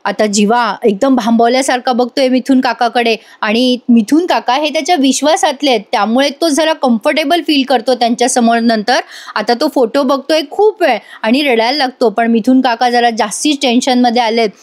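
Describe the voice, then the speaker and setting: A woman with a high voice recaps a television serial in a voice-over. She talks to her viewers in a chatty, familiar way as she retells each scene. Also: a little fast. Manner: chatty, addresses viewers directly. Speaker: serial review narrator.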